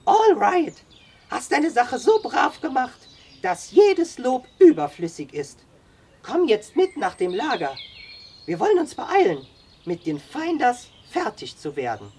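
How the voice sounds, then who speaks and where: A reader voicing Sam, a hearty old frontiersman who talks loudly and high in excitement. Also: measured pace, a little hiss or hum, exaggerated voice. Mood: praising. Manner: loud exclamations, high-pitched.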